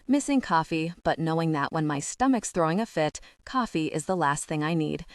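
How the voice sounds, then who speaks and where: A woman narrating a first-person romance audiobook in an expressive storytelling manner. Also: lowish voice, dry recording, studio quality.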